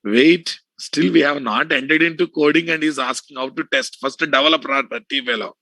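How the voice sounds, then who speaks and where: A man's voice: a little high, normal speed, sharp tone, dry recording. A man with a Telugu accent lecturing students informally as an instructor, repeating phrases and often checking that they follow. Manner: repetitive, checking often for understanding. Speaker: software instructor teaching an online class.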